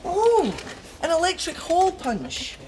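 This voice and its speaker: A man's voice: extremely high pitch, huge pitch swings, slow pace, background noise, exaggerated voice. A man playing a fussy, proud train buffet worker who talks in a chirpy, sing-song way and chuckles often in a children's TV show.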